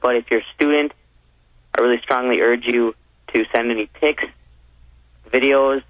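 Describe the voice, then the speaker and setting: A man's voice: mid-range voice, steady tone, moderate pace, no room sound. A man speaking as a talk show guest, giving earnest political commentary and appealing to listeners. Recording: dull, lo-fi phone or radio line.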